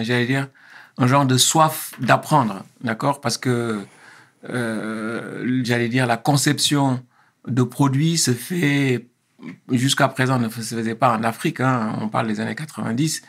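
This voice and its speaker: A man, speaking as an interview guest in a measured, hesitant way with many pauses and restarts. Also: medium pitch, fairly bright tone. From Senegal. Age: 50s. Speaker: interview guest, engineer and consultant. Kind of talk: casual interview.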